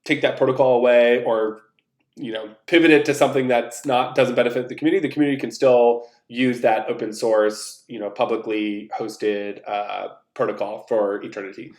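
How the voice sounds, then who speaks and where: Man, podcast host, solo monologue, rambling with fillers, mid-pitched voice, echoey room. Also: steady tone, normal speed. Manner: rambling, many fillers and restarts. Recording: roomy echo.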